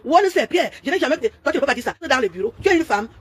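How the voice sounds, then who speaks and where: Woman, high voice, rapid-fire boastful mockery on a live stream. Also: big pitch swings, slight background noise. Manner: boastful, taunting and mocking. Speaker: social media influencer on a live stream. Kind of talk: insulting live-stream rant. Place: at home with her partner.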